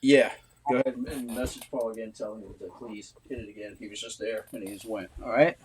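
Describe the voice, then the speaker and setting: A man's voice: lowish voice, fairly even intonation, brisk, darkish tone, a little hiss or hum. A man hosting a casual live video-call stream, joking and wrangling guests. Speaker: livestream host.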